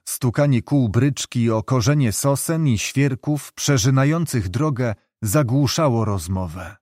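A man narrating a classic novel in a measured, expressive storytelling voice. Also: medium pitch, dry recording, clean studio sound. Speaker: audiobook narrator. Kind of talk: literary narration.

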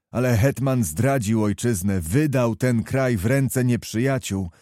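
A man's voice: medium pitch, mellow, no room sound, clean studio sound, lightly acted. A man voicing a stern older officer who speaks with impassioned, declamatory force. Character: stern older male officer, fiery patriotic orator.

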